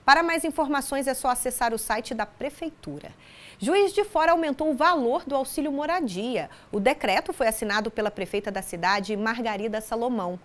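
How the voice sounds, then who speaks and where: A woman's voice: on the high side, brisk. Upbeat young woman reading local news. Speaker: news presenter. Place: studio with city backdrop.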